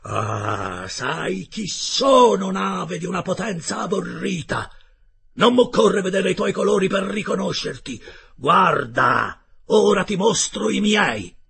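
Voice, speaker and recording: Brief: man voicing a proud, vengeful male captain in an audiobook; gravelly, husky, slow thundering commands. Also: lowish voice, expressive, fairly bright tone, heavily acted. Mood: furious.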